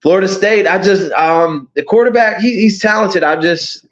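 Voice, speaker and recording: Casting: easygoing male co-host for casual sports chat, a bit halting, with dull lo-fi sound. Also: high-pitched. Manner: relaxed, hesitant, restarts often. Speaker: podcast co-host. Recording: dull lo-fi audio.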